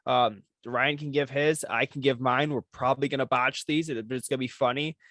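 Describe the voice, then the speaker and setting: A man's voice: medium pitch, fairly even intonation, brisk, a bit bright, no room sound. Male podcast co-host, easygoing game-night vibe, dry close-mic sound. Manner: easygoing, chuckling, runs the segment. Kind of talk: casual chat.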